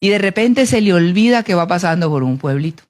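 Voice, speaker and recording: A preacher giving a sermon, animated, often asking the congregation to answer yes or no. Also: a little fast. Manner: animated, with big swings in pitch and pace.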